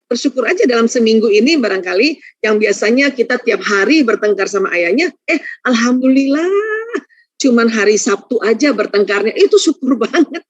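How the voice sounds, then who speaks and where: High-voiced woman giving a parenting seminar. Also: brisk, dry recording. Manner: animated, acts out quoted voices of mother and child. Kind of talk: religious parenting seminar talk. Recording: dull muffled dry recording.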